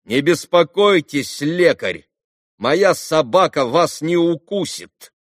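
A man's voice: fairly high pitch, lively intonation, takes it slowly, dry recording, clean studio sound, pitched above the performer's own voice. A man voicing a proud, cheeky teenage boy who talks curtly and defiantly. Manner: curt, defiant.

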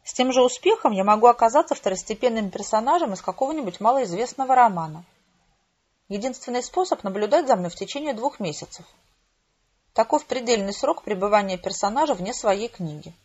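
A woman voicing a calm, knowing male agent in an audiobook, dry and matter-of-fact, in a dull lo-fi recording. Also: fairly high pitch, fairly quick.

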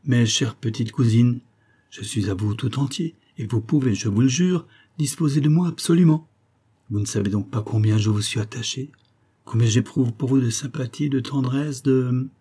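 Man reading an earnest, wounded colonel; dark, husky tone. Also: medium pitch, normal speed.

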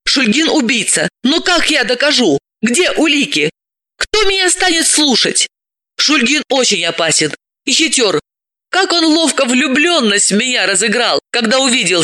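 A man voicing an anxious, quick-tempered woman psychoanalyst who speaks in a nervous, brisk way. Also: very high-pitched, bright, forceful tone, pitched above the performer's own voice, heavily acted.

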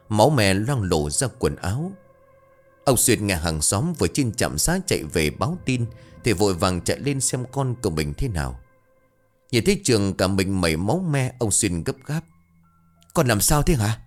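A man narrating a scripted ghost story in an expressive, dramatic storytelling manner. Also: fairly low pitch.

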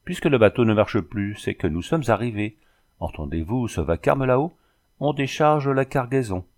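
A man reading an audiobook voices a coarse, boastful backwoods bandit sailor who talks rough and mocking. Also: mid-range voice, animated, moderate pace, darkish tone, close to an everyday voice. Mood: gruff mocking.

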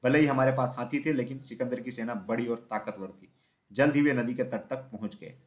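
A man's voice: mid-range voice, fairly quick. Man narrating a children's story. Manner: steady, even reading with small slips.

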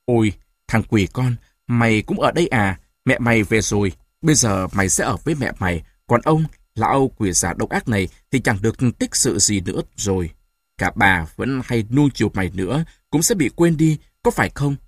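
A hoarse, hot-tempered old grandfather, put on by a male audiobook narrator, shouting in sudden bursts of rage and then turning bitter and tearful. His voice swings widely in pitch and rises sharply when he yells. The storybook recording is close and dry. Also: expressive, normal speed, no room sound. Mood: tender.

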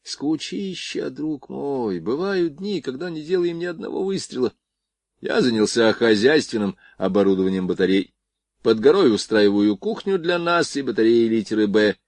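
Artillery officer voiced by a man, blunt, weary, gruff, dry close recording. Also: fairly low pitch, lively intonation, normal speed, a little mellow, no room sound, lightly acted. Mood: bored.

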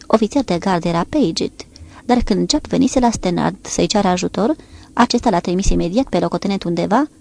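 A woman narrating an audiobook with a steady, even reading. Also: mid-range voice, gravelly. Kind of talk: scripted narration.

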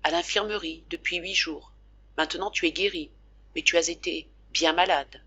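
A woman's voice: lowish voice, fairly even intonation, moderate pace, bright, forceful tone, slightly rough. A woman reading the part of a talkative, affectionate father who fusses over his sick son. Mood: tender. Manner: chatty, scolding fondly. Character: doting talkative middle-aged father.

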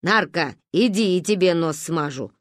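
A woman voicing a stern, sharp-tongued old grandmother who lectures and grumbles, in a dry close recording. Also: on the low side, lively intonation, measured pace, dry recording. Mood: grumbling. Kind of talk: audiobook character voice.

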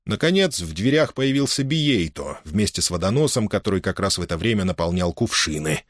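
A man narrating a historical novel in an expressive, dramatic reading style. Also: sits low, a little fast, no room sound, clean studio sound. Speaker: audiobook narrator. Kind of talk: scripted narration.

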